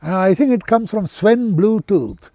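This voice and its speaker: Elderly man, high-pitched posh Indian accent. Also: expressive, unhurried, warm tone, no room sound. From central India. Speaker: interview guest. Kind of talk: reminiscing in conversation.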